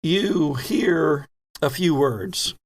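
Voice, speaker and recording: Narrating as game master for a tabletop horror RPG, a man with a slightly high voice sets scenes in a deliberate way, leaving pauses mid-phrase.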